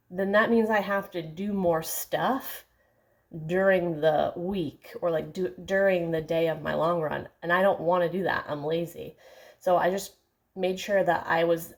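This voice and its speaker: A woman vlogger chatting casually to camera in an informal, self-deprecating way full of "like". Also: fairly low pitch.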